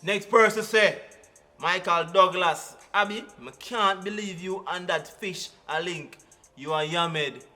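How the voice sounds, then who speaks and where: A man's voice: high voice, unhurried, sharp tone, soft background music. A man with a Jamaican accent reading out comments and reacting in casual vlog banter. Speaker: co-host of a YouTube reaction video.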